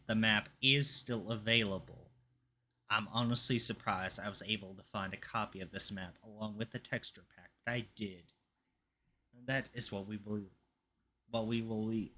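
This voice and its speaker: A young adult hosting a gaming let's play, giving commentary and reading story text aloud in a halting, amateur dramatic way. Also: mid-range voice, pushed and bright. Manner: halting when reading, stumbles and repeats phrases.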